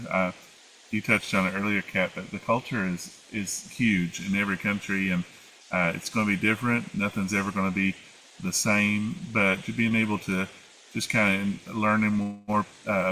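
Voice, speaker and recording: A man's voice: low voice, pushed and bright, slight background noise, poor audio. An American man with an Appalachian accent, answering interview questions in a casual, rambling and somewhat hesitant way. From United States. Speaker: interview guest, former flight attendant. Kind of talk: casual conversational storytelling.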